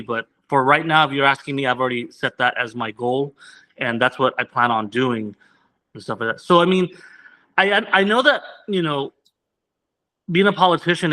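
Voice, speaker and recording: A political candidate whose first language is Vietnamese answers interview questions earnestly, restarting his sentences many times. His medium-pitched voice is pushed and bright, and the recording is rough.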